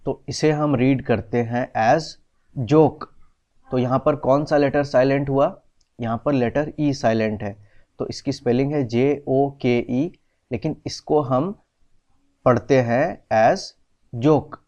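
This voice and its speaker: A male teacher giving a classroom lesson in a slow, patient way, mixing Hindi and English and spelling words out letter by letter. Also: medium pitch, darkish tone. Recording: dull, slightly lo-fi recording.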